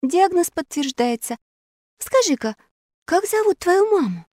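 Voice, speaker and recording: A woman voicing a bold, quick-witted girl who questions sharply in a storybook reading. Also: very high-pitched, very animated, a little mellow, dry recording, studio quality, voice pushed up, full character voice. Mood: probing.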